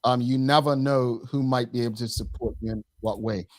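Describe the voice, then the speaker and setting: An upbeat man hosts a daily talk show in a casual, chatty way, and his sign-offs sound like an announcer's. His voice sits at a middle pitch. It is recorded dry and close, with no room echo. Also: steady tone, brisk. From Bermuda.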